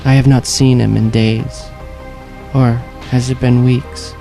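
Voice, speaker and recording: A man's voice: medium pitch, little pitch movement, takes it slowly, gravelly, warm tone. A man plays a tiny ancient elf woman trapped in a fantasy game. The voice is small, wispy and pixie-like, with a forlorn, wistful temper, over background music.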